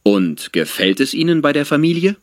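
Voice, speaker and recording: An actor playing an interviewer in a scripted language exam dialogue, asking questions with lively intonation. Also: male voice, fairly high pitch, moderate pace, dry recording, clean studio sound. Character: adult male radio-style interviewer.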